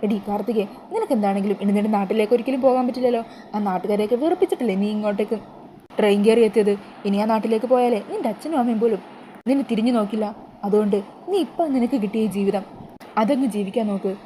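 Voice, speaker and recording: Woman as a cold scheming female friend, bossy lecturing, quick delivery. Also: fairly high pitch, mellow, slight background noise, close to an everyday voice, rough recording.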